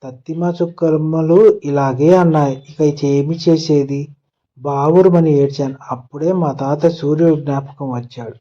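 A man narrating a children's moral story in a gentle storybook manner. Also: fairly high pitch, fairly even intonation, unhurried, muffled recording. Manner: gentle storybook telling, voicing characters' lines in turn.

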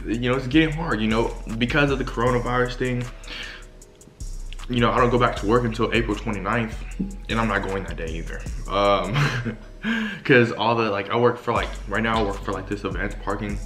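A vlogger in his twenties eats on camera in a large living room, chatting to viewers in slang, rambling and talking while chewing. His voice is on the low side, fairly quick and fairly bright, with an echoey room, faint music behind, and the camera a short distance away.

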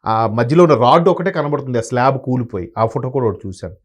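A man of medium pitch talks fast as an analyst guest in conversational commentary. His manner is rambling and sombre, with many restarts.

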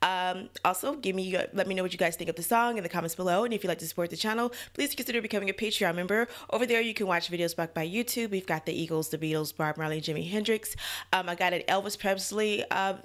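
A woman hosting a music reaction video, talking casually to viewers, chatty and quick to laugh, often turning to the audience for their opinion. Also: fairly low pitch. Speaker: music reaction channel host.

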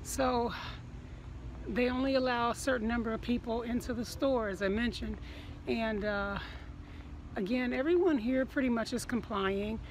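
A woman's voice: on the high side, normal speed, slight background noise. A woman vlogging casually, her speech slightly muffled through a face mask, recorded on a handheld phone. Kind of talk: casual vlog chat. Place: outside shops and inside a fabric store. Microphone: phone at arm's length.

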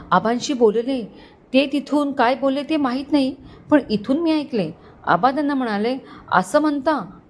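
A woman's voice: on the high side, darkish tone, close to an everyday voice. A woman narrator voicing a young married woman who speaks in an emotional, pleading way.

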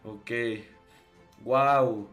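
A man's voice: medium pitch, fairly even intonation, very slow, a bit bright. A man with a Mexican accent reacting live to a manga as a streamer, emotional and swearing often, repeating his exclamations. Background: faint background music.

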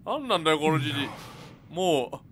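A man's voice: fairly high pitch, very animated, fairly quick, a little hiss or hum. A man commentating on his own video game play in a jokey, chatty way, talking back at enemies. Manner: jokey, talks to enemies, yells in panic. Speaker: game streamer.

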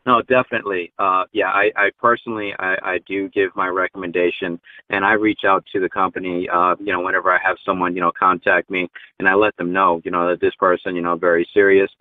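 A man's voice: sits low, level tone, brisk, no echo. A man in his forties, a truck driver guest, talking earnestly with many fillers over a video call. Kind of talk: casual interview talk. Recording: tinny phone line.

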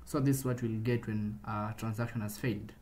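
A man with a mellow, dark-toned voice walks through a coding tutorial in a casual, explanatory way, often stopping to restart a phrase. He sounds like he is talking into a desk microphone while sharing his screen. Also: lowish voice, steady tone, a little fast. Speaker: programming tutor.

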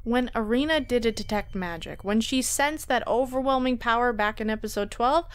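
A woman telling a tabletop game story as scripted narration, dramatic and expressive, on a close mic. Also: on the high side, moderate pace, clean tone.

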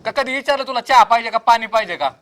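A man's voice: very high-pitched, fast, sharp tone. A man as a whiny, bossy young husband. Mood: petulant. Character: petulant young husband demanding divorce. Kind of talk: comedy sketch acting.

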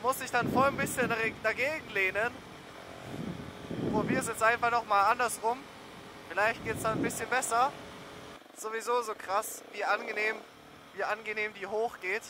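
A young man with a high, fairly even voice rambles casually in slang while riding a motorbike outdoors, talking at a moderate pace with frequent pauses. He's a motorcycle vlogger, and wind, engine, and road noise fill the recording.

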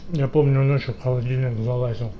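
A man chewing while he talks, chatting in a relaxed, offhand and slightly crude way as he eats on camera for an eating vlog. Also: mid-range voice, fast talker, dull audio, a little hiss or hum. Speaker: mukbang vlogger. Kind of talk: casual eating vlog chat.

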